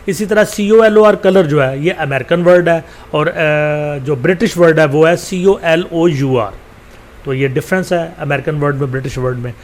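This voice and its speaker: A male teacher with a Pakistani accent who reads English lines slowly, then explains them at length with many pauses. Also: fairly high pitch. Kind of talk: explaining a textbook lesson.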